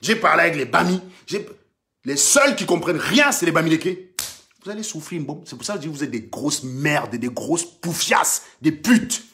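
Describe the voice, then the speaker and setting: A Cameroonian man with a Cameroonian French accent runs a livestream monologue, taunting his audience. His fairly high voice swoops widely in pitch, and he jumps from loud bursts down to muttered asides. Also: big pitch swings, normal speed, a little hiss or hum. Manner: combative and mocking, swinging between loud outbursts and low muttering. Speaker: livestream host.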